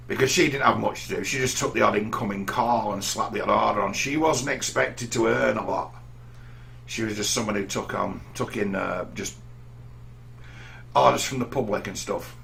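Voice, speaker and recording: A man's voice: on the low side, creaky, pushed and bright. A middle-aged man from England telling rambling personal stories in a casual monologue, often restarting his sentences. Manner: rambling, anecdotal, frequent restarts. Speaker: vlogger.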